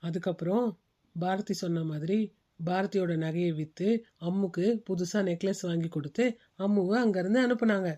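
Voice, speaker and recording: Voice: medium pitch, fairly even intonation, moderate pace, dark tone, lo-fi sound. ஒரு கதை சொல்லி cartoon கதையை நிதானமாக விவரிக்கிறார். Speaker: narrator. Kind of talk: storytelling narration.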